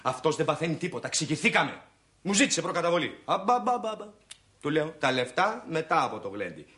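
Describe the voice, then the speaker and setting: An actor playing a boastful, excitable husband who rants with swagger about the riches he expects. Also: on the high side, echoey room. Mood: bragging. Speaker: husband scheming to get rich.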